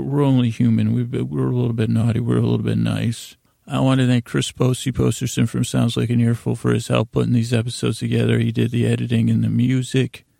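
Opening his bedtime podcast, a host rambles and keeps doubling back, stumbling through false starts and self-corrections. His voice is dark, mellow, gravelly and deeply creaky, recorded dry and close with no room sound.

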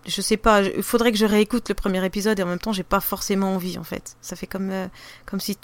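A woman's voice: mid-range voice, flat delivery, fast. A woman, a podcaster, with a regional French accent, chatting loosely in an interview with lots of fillers and restarts. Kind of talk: casual interview chat.

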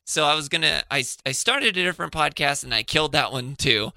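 A man's voice: on the high side, lively intonation, fast, creaky, sharp tone, no echo. A man chatting casually as a podcast guest, rambling and swearing, trailing off and restarting his sentences. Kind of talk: casual chat.

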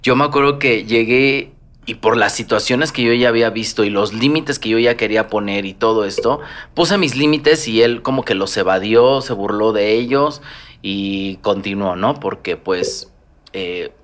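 A man with a Mexican accent in casual conversation, telling personal stories with lively acted-out dialogue. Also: fairly low pitch, normal speed. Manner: storytelling, animated, acts out quoted dialogue. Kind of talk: casual chat.

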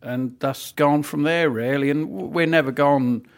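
Casting: male farming interviewee, higher-than-average voice, strong Norfolk accent, unpolished rural dialect, casual conversational delivery. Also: measured pace, gravelly. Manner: plain-spoken, regional dialect grammar. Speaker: interview guest, family farm worker.

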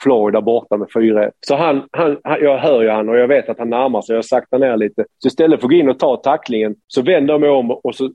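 A man from Sweden, a former hockey player, telling an animated anecdote with many restarts. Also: mid-range voice, few pauses, no echo, lo-fi sound. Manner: animated storyteller, many restarts, quotes others.

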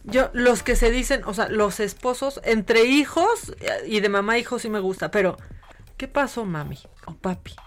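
A woman's voice: on the high side, normal speed, hardly any pauses. A Mexican woman co-hosting a casual gossip chat, playful and acting out pet names in mock voices. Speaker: co-host.

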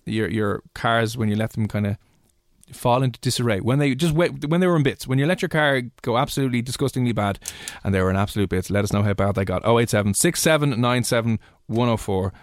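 A man's voice: mid-range voice, steady tone, fast talker, no room sound, studio quality. An Irish man hosting casual radio chat in an inquisitive, bantering manner. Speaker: radio host.

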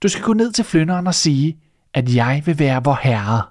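A man voicing a greedy, domineering wife in a fairy tale reading, shrill and demanding. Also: very animated, a little mellow, no echo, clean studio sound.

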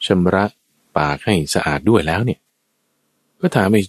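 A man preaching a Buddhist sermon as a lively story, addressing his listeners and acting out the characters. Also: normal speed, breathy edge, no echo. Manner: lively storyteller, acts out quoted characters with sudden high shouts. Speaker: dharma preacher.

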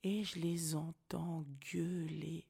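A young woman hosts a podcast and tells her own story as a casual monologue. Her delivery is slangy and animated, with frequent laughter and vivid asides to the listener. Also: low voice, slow, creaky, husky. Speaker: podcast host.

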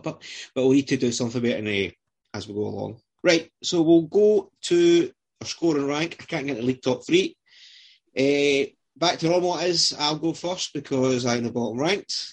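A man hosting a casual podcast chat on a remote call from inside a small caravan. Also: mid-range voice. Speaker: podcast host. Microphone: remote call over poor internet.

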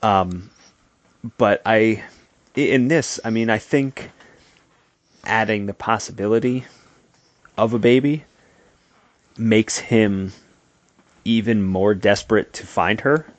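An easygoing man co-hosting a comic book podcast, with a fairly low voice. He chats loosely and laughs often. The sound is dry and close to the mic. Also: slow pace, pauses often, no echo. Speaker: podcast co-host. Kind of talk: casual chat.

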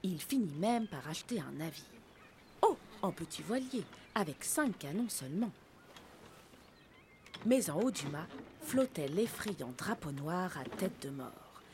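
A woman narrating a children's storybook in an expressive, lively manner. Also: on the low side, a little slow, slight background noise.

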